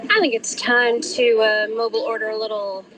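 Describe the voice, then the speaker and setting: A woman chats to her viewers in a relaxed, casual way while she films outdoors at a theme park. Her voice sits somewhat high. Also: moderate pace, noisy background. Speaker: park vlogger. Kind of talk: casual on-location vlog talk.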